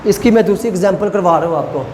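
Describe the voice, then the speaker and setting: High-voiced male lecturer in echoey hall. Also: noisy background. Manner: explains step by step, repeats example phrases slowly. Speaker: teacher. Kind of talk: classroom lecture.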